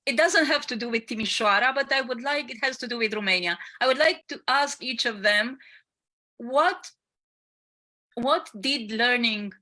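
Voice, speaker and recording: This is a woman moderating a live panel talk. Her voice sits slightly high and sounds crisp and bright. She speaks haltingly and fills her pauses with "uh.". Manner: halting, many fillers. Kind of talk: panel discussion.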